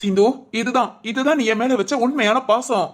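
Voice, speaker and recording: A woman's voice: a little high, moderate pace, natural voice. A woman voicing a scheming young man in a Tamil cartoon drama, coaxing and defensive. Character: young man, scheming lover faking poisoning.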